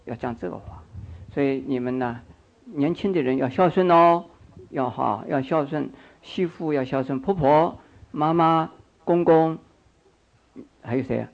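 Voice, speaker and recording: With frequent pauses, an unhurried pace, vocal fry, and a fairly high pitch, an older monk gives a Buddhist sermon. He repeats himself and poses questions to coax his audience, and the audio sounds dull and lo-fi.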